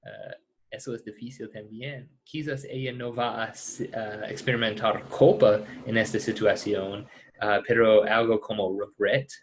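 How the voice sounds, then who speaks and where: A man from the United States, a native English speaker teaching a class discussion in American-accented Spanish, halting as he searches for words. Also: on the low side, steady tone, slight background noise, rough recording. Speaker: ethics teacher. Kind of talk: lecture discussion with students.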